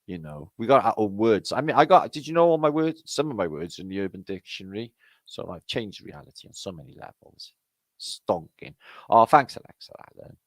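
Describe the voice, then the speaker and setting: A middle-aged Welsh man hosts a casual livestream, rambling and swearing as he greets people in the chat. His voice sits on the low side, sing-song and brisk, with no room sound.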